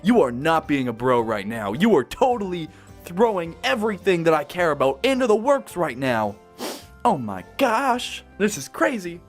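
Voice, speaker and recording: A man with a high, light voice reads fan fiction aloud, constantly interrupting himself with giddy asides and laughter. Soft music plays quietly underneath. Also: normal speed. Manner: excitable, laughs often, gushing asides. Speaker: YouTuber reading fan fiction.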